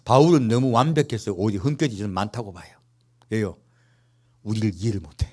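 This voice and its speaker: Speaking a little fast in a low, darkish voice, this man delivers a church sermon. He throws rhetorical questions at his congregation and lightens things with playful jokes.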